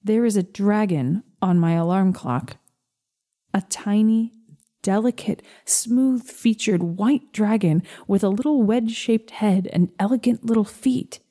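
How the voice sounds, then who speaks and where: A woman narrating a first-person story in a slow, gentle, measured reading. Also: medium pitch.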